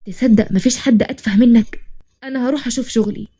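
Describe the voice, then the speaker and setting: Proud egyptian girl, fast and kinda high, mellow voice, woman reading her. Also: breathy edge. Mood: irritated. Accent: Egyptian Arabic. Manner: pleading then sharp and irritated. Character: stubborn, proud young woman at work.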